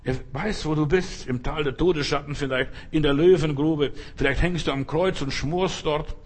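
A man's voice: on the high side, normal speed. A man preaching a fervent sermon, repeating his points and calling out Hallelujah.

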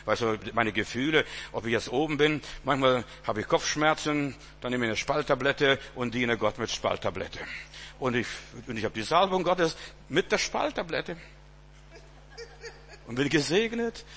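A middle-aged man preaching a sermon, emphatic, rising loud and dropping soft. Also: medium pitch, lively intonation, normal speed.

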